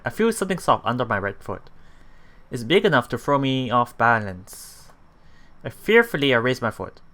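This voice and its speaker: This man, with a mid-range and slightly bright voice, reads a visual novel during a let's play. He stumbles and repeats words, stopping now and then for offhand remarks.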